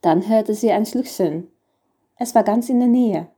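A woman narrating a children's storybook in an even, gentle reading. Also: medium pitch, a little slow, slightly rough.

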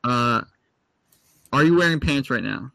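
A man co-hosting a podcast in casual chat, friendly and halting, asking questions. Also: medium pitch, animated, creaky, sharp tone, dry recording. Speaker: podcast co-host.

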